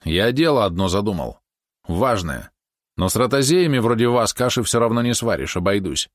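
A man's voice: fairly low pitch, expressive, moderate pace, no room sound, studio quality. A man voicing a mischievous, boastful young village boy in an audiobook, in a brash, scheming way of talking. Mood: defiant.

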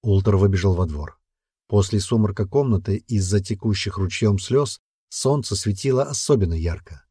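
A man narrating an audiobook in steady, even scripted storytelling. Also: lowish voice, normal speed, breathy edge, dry recording, clean studio sound.

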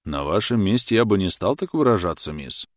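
A man voicing a calm, sly immigrant father in an audiobook, speaking in a dry, deadpan way. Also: sits low, fairly quick, no echo.

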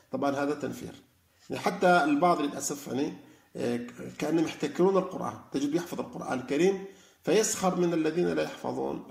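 A middle-aged man teaching an informal religious lesson, talking quickly in a slightly raised, gravelly voice. He speaks conversationally, with frequent fillers and self-corrections. The sound is echoey, as if recorded in a bare room. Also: a little high. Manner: conversational, many fillers and restarts. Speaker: teacher of Quran reflection.

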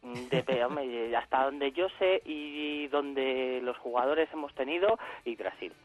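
Calling in from Salamanca rather than the studio, a Spanish man who regularly contributes to a radio show talks about role-playing games. He speaks slowly in a mid-range voice, stumbling through fillers, repetitions, and restarts. Soft music plays behind the muffled recording.

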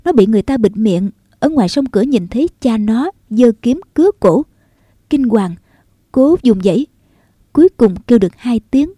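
A woman narrating a martial arts novel in a steady, measured reading. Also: fairly high pitch, no room sound, clean studio sound. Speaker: audiobook narrator.

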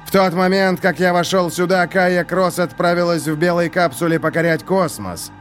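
A man's voice: high-pitched, steady tone, normal speed, soft background music, voice pushed up, natural voice. A man voicing a scheming, mocking male prison warden who gloats in a theatrical, mock-polite way. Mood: gloating.

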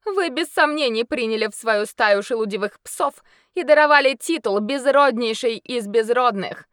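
A woman's voice: mid-range voice, animated, normal speed, a bit bright, dry recording, studio quality, pitched above the performer's own voice, close to an everyday voice. A woman voicing a proud female werewolf noblewoman with a ringing, melodious voice. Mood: furious. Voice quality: ringing, melodious, snarling when angry.

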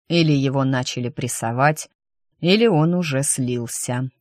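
A narrator reading the lines of a calm, persuasive young man in an audiobook, low and earnest. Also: a little slow, no echo, studio quality, close to an everyday voice. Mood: thoughtful.

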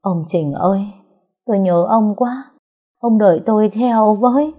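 A crazed older wife from a storybook, wailing in yearning for her husband, as a woman reads her. The voice is husky and darkly mellow. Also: medium pitch, unhurried, pitched above the performer's own voice, natural voice. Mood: longing.

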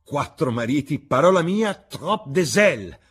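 A chattering elderly society hostess, voiced by a man, her husky voice pushed high and loud. She gushes and swoops theatrically, teasing her guests without pause. It is told like a storybook read aloud. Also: very animated. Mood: gossipy. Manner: shrill, gushing, theatrical.

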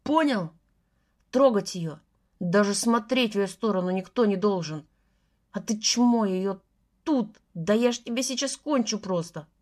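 A woman's voice: on the high side, lively intonation, brisk, darkish tone, lightly acted. A woman voicing a furious foul-mouthed young man. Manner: swearing, barking threats. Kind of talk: audiobook dialogue.

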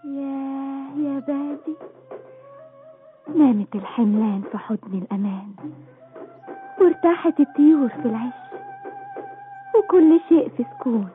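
A defiant, dreamy young woman. Her voice is very high, in an old radio drama that sounds thin and phone-like. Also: big pitch swings, fairly quick, music in the background. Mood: soft, dreamy. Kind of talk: Arabic radio drama acting.

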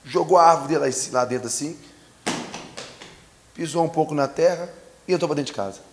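A man's voice: on the high side, a little fast, a little hiss or hum. A man preaching to a youth conference, telling a parable. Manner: animated storytelling with sound effects. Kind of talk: storytelling sermon. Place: conference stage.

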